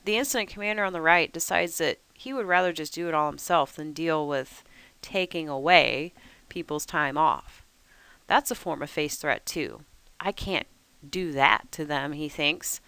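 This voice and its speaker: A woman reading a scripted training narration over slides in a measured, instructive way. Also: deep voice, expressive, a bit bright, clean tone, no room sound. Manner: measured, instructive, reads steadily. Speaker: weather service trainer.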